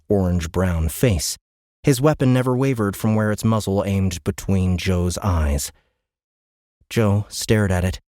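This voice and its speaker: Close to a studio microphone, a man with a lowish, darkish voice narrates a science fiction audiobook. His storytelling is measured and suspenseful, and there's no echo.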